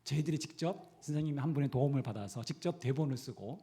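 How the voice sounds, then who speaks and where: A man's voice: mid-range voice, lively intonation, quick pace, gravelly, warm tone. A male pastor from the Gyeongsang region, preaching a sermon in a church and putting questions to the congregation. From Gyeongsang region, Korea.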